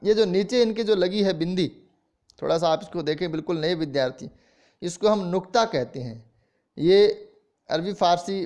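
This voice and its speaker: A man's voice: high-pitched, darkish tone. A man with a Rajasthani Hindi accent giving a college lecture on the history of the language, explaining step by step and sounding out words to show how they are pronounced. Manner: explains slowly, demonstrates pronunciation aloud. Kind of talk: classroom lecture.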